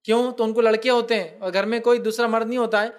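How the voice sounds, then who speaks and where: A man giving a religious talk on raising children, with speech and mixed in, acting out quoted family members as he goes. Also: very high-pitched. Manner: acts out quoted family members in lively asides. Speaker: Islamic speaker.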